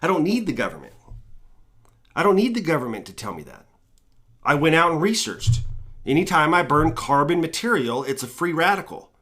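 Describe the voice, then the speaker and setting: A man ranting on a live stream about cannabis laws, swearing constantly, and high while he talks. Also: big pitch swings, brisk, pauses often, a bit bright. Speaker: cannabis vlogger. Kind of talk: profane live stream rant.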